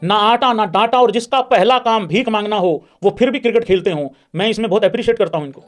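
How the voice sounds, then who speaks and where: A man's voice: high voice, quick pace. A man hosting a cricket livestream, ranting bluntly and mockingly while answering viewers' super chats. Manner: heated, mocking and blunt, addresses viewers as brothers. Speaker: live-stream cricket host reading super chats. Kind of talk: casual live-stream rant and chat replies.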